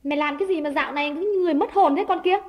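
A man doing a shrill furious mistress. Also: very fast, faint music behind. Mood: scornful. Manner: screeching, abusive, threatening. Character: harsh shrill jealous mistress, middle-aged woman.

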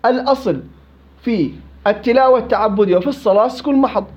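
A man's voice: very high-pitched, quick pace, darkish tone. A man teaching a class on Quran recitation rules, repeating and contrasting each rule to drill it into his students. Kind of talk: classroom tajweed lesson. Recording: muffled lo-fi recording.

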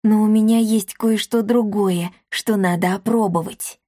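A woman voicing a timid, inventive orphan boy who talks in a hushed, conspiratorial way in a storybook reading. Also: mid-range voice, steady tone, unhurried, dry recording, studio quality, natural voice.

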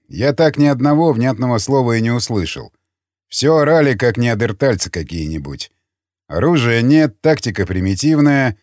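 A man voicing a calm, commanding seasoned scavenger who speaks tersely and bluntly. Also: medium pitch, no echo, studio quality, close to an everyday voice. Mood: matter-of-fact. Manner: terse, blunt, matter-of-fact.

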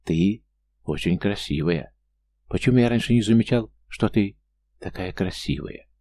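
Guy reading a smitten young man, breathless and adoring, dark low voice. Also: expressive, moderate pace. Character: young man, smitten cousin, lovestruck and ardent.

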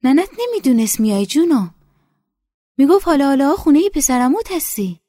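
A woman voicing a warm, motherly older village woman who coaxes and fusses in affectionate dialect. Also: high-pitched, big pitch swings, dry recording, clean studio sound, pitched above the performer's own voice. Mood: coaxing. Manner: coaxing, dialect-tinged, affectionate.

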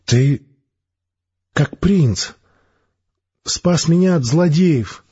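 A man's voice: fairly high pitch, lively intonation, dark tone, slightly rough, pitched above the performer's own voice, exaggerated voice. Brief: timid, adoring young woman, dazed and breathless, put on by a male narrator, raised voice, muffled audiobook sound. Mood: meek. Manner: halting, breathless, girlish.

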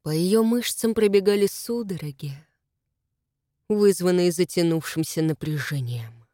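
A woman narrating an audiobook in an even, measured reading. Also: fairly low pitch, no room sound, studio quality. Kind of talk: scripted narration.

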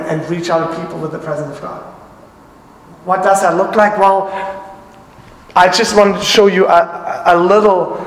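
A man preaching a sermon as pastor, telling a family story with halting restarts. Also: high-pitched. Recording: echoey hall reverb.

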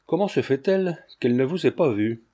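A man voicing a proud, sharp-tongued young countess with a curt, demanding manner in an audiobook. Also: medium pitch, animated, a little fast, lightly acted.

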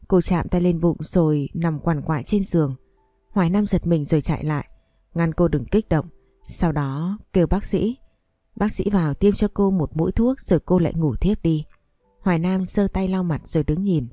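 Dark-voiced woman narrating a story. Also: on the low side, no room sound. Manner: reads every character's lines in the same voice, with little change. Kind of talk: scripted narration of a melodrama story. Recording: dry close recording with faint music behind.

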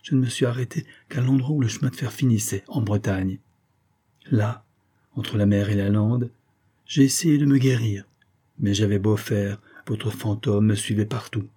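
A man's voice: on the low side, normal speed, warm tone, breathy edge. A man voicing a passionate, bitter young lover in a read-aloud story, speaking earnestly.

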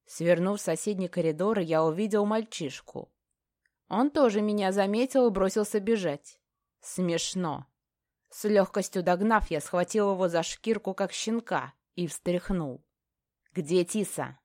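A woman's voice: mid-range voice, unhurried, darkish tone, no room sound. A woman narrating a first-person fantasy audiobook in a tense, dramatic storytelling manner, close to the mic.

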